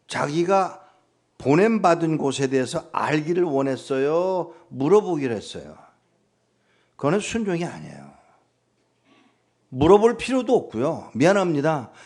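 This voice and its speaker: Guest preacher, older man, fairly high voice, sings-song storytelling sermon. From Korea. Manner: animated storytelling, acting out dialogue with his mother. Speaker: guest pastor.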